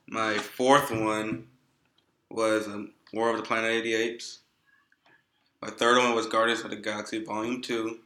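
A man's voice: on the low side, bright, forceful tone, echoey room, rough recording. A man chatting casually about movies in a laid-back, slangy way.

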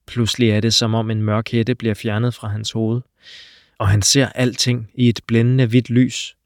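A man narrating an audiobook, steady and measured in his delivery. His pitch sits in an ordinary middle range. The recording is dry, with no room echo.

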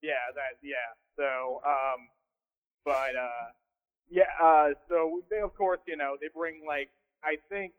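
A man's voice: on the high side, fairly even intonation, slow. A young man from Kansas calling in over the phone to a talk show, telling a story in a rambling way with many fillers. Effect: phone line. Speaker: caller. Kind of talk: casual storytelling. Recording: tinny phone line.

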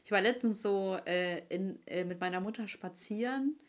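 A woman's voice: medium pitch, normal speed. Young woman, podcast host, casual chat, acts out conversations, mid-range voice. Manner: lively storyteller, acts out both sides of conversations. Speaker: podcast host and video creator.

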